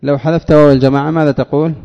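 Male teacher, gravelly voice, quizzes students one by one; echoey hall, dull lo-fi recording. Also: on the high side, little pitch movement, racing, dark tone. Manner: quizzes students by name, drills rules with questions. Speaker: teacher of Arabic morphology. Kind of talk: classroom lesson with students.

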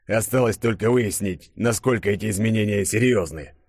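A man voicing a stern middle-aged chief who briefs his team in a grave, measured way. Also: fairly low pitch, a little mellow, dry recording.

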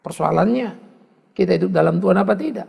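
A male pastor preaching a sermon in an animated way, with mocking asides and rising exclamations. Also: high voice, fast, creaky, husky. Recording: long hall reverb.

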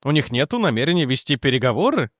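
A man's voice: mid-range voice, very animated, quick pace, fairly bright tone, no room sound, clean studio sound. A man voicing an officious government representative who presses demands and questions. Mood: indignant demanding.

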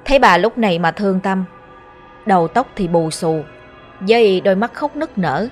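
A woman with a Southern Vietnamese accent narrating a ghost story in a steady, measured way. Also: medium pitch, faint music behind.

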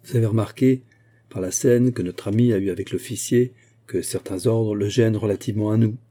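A man reading the part of a clever musketeer who has become a bishop, reasoning calmly and reassuring his friend. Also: on the low side, a little fast, close to an everyday voice. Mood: scheming. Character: Aramis, sly clever musketeer bishop, coaxing.

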